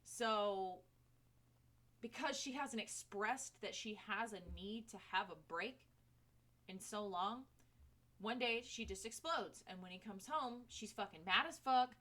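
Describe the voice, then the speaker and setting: A woman's voice: mid-range voice, measured pace, a bit bright. A woman giving a casual tarot reading, speaking frankly to the viewer and swearing freely. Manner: chatty, talks to viewer directly. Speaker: tarot reader.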